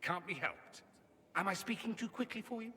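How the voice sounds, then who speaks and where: A man's voice: sits high, normal speed, sharp tone, in a large hall. An actor playing a witty, self-assured male mage from a foreign empire, theatrical in manner, in video game dialogue.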